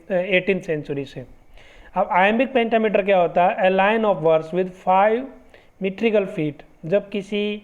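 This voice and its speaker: A man giving an exam-prep literature lesson, explaining step by step and reading English definitions slowly. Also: sits high, a little mellow. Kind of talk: exam-prep lecture in Hindi mixed with English. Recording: tinny phone-like lo-fi audio.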